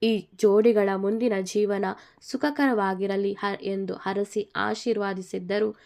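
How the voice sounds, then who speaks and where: A woman narrating a love story in a calm, even voice. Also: mid-range voice, slow.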